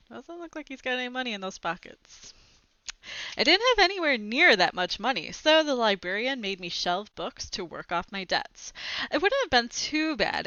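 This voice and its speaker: A young adult woman reads a children's book aloud in an animated, clearly phrased storytelling style, adding brief asides. She has a medium-pitched voice and is in a small indoor room with bookshelves. Captured on a headset microphone, the recording is dry and lo-fi.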